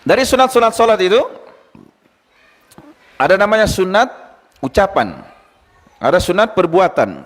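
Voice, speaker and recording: Man, religious teacher, lively lecture, questions the audience, high voice, long hall echo. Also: moderate pace, pauses often. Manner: lively, quizzes the audience, retells anecdotes.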